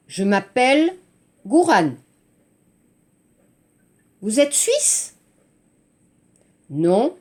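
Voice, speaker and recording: A woman teaching to Korean learners, slow and clear, often checking in with "hein" and "d'accord". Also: a little high, darkish tone. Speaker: French teacher. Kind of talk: language lesson for Korean learners.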